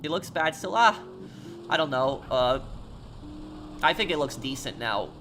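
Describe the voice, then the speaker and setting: A man casually commentating on a game he is livestreaming and chatting with viewers, halting and repeating words as he goes. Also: fairly high pitch, animated, music in the background. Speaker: livestreamer playing a video game. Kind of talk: casual game stream commentary, reading and answering chat.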